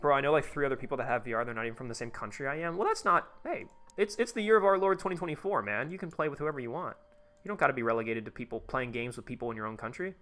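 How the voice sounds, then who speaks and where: A man's voice: medium pitch, expressive, rapid-fire, a bit bright. A man live-streaming a tycoon game, chatting casually with his viewers in a rambling, profane way while he plays. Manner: rambling, profane, talks to chat while playing.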